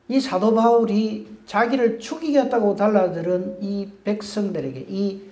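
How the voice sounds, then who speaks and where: Pastor guy preaching, high lively voice, warm mellow tone, echoey church room. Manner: animated, acts out quoted speech. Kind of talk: sermon. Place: church sanctuary.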